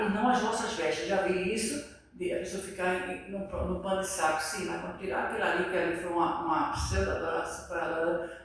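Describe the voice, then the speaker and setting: A man preaching an impassioned sermon, acting out the voices of others. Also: high voice. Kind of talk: sermon, Bible study. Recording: echoey room, voice far from mic.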